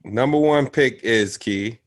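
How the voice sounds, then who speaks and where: A young man co-hosting a casual sports podcast, loud and profane, talking trash in debate. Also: mid-range voice, slow pace. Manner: loud, swearing, animated trash talk. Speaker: podcast co-host.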